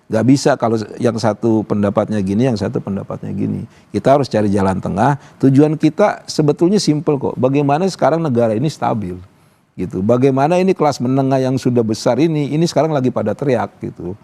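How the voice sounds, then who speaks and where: A man's voice: mid-range voice, lively intonation, quick pace, creaky, mellow. A man appearing as an activist guest on a TV talk show, speaking in a casual, talkative way with lots of fillers. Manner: casual and talkative, many fillers like "gitu" and "apa namanya". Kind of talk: live TV talk show discussion. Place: TV studio.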